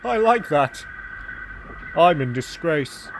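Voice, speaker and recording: A man's voice: fairly high pitch, very animated, slow pace, background noise, voice pushed up, exaggerated voice. A man playing a grand boastful big engine. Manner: grand, chortling.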